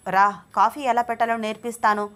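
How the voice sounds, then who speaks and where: A woman's voice: fairly high pitch, steady tone, brisk, fairly bright tone, natural voice. Teasing, pushy young husband, read by a woman in a storybook; coaxing tone, ordinary talking voice. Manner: teasing, coaxing, calls his wife babe. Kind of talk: storybook reading.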